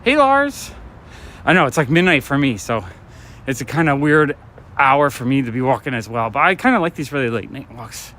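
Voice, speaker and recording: A man's voice: mid-range voice, very animated, normal speed, pushed and bright. A man casually chatting and telling stories while walking outdoors at night, talking to viewers from a phone he holds. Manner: chatty, storytelling, talking to live chat. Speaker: vlogger and comic shop owner. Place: city streets at night, outdoors. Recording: light street noise, traffic.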